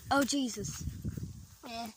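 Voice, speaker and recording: A Swedish vlogger with a Swedish accent talks slowly and hesitantly, her voice slightly high, while filming a casual vlog on a handheld camera at a campsite among trees. She uses lots of fillers, and the audio is poor with a little background noise.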